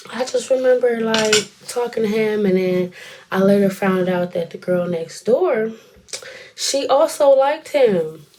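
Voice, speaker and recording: A woman's voice: a little high, darkish tone, a little hiss or hum. A woman in her twenties tells a personal story in a chatty, colloquial way, rambling and dropping in little asides as she goes. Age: 20s.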